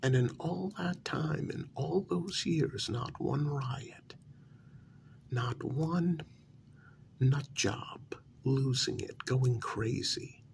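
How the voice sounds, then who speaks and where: In a soft-spoken ASMR role-play, a man plays a frustrated, delusional psychiatric patient convinced he created his own world. Breathy and often whispering, he asks halting, pointed questions in an insistent, incredulous mood. His voice is medium-pitched, with slight background noise.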